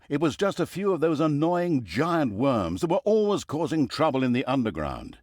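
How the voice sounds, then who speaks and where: Voicing a villainous fantasy game's narrator, a male actor delivers the tale as a comic storybook with mock drama and wry asides, sardonic and theatrical. His pitch is medium and a little mellow, recorded at studio quality without echo.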